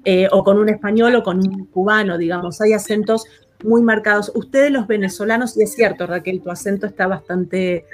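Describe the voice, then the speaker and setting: A woman from Argentina, an actress, chatting as an interview guest in a thoughtful way, often pausing with fillers. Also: mid-range voice, fairly even intonation. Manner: thoughtful, many hesitations and fillers. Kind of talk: casual interview chat.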